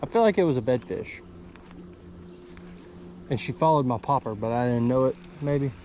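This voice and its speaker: A man giving casual running commentary while fishing from a boat outdoors. He is excitable and slangy, and he talks to the fish. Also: medium pitch, normal speed, slight background noise. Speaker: fishing vlogger.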